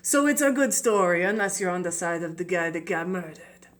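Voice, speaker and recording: A woman's voice: fairly low pitch, expressive, a little fast. A young woman telling a story playfully, with joking asides and whispered side comments. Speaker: student in a telephone game.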